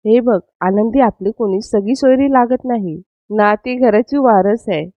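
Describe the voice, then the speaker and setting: A woman's voice: fairly high pitch, unhurried, no echo, close to an everyday voice. A woman voicing a dismissive young man who lectures his siblings in a cool tone. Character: dismissive young male heir. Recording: dry, slightly dull lo-fi.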